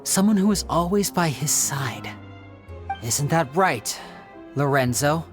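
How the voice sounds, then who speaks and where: A poised, confident young game magician sleuth, low-voiced, deliberate and theatrical, music underneath. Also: female voice, animated. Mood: measured, deductive. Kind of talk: dramatic video game storytelling.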